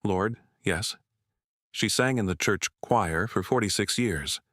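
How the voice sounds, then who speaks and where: A man voicing a gentle, folksy neighbor in his seventies. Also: fairly low pitch, slow pace, no room sound, studio quality. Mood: gentle, fond. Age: 70s. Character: older male Vermont neighbor, gentle storyteller.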